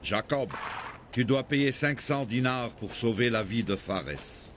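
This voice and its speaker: A man plays a calm judge handing down a ruling in a dubbed period drama. He speaks with steady authority in a mid-range voice. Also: mid-range voice, a little slow, background noise, lightly acted. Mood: authoritative. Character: authoritative judge settling the ransom. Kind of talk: French dub of a historical series.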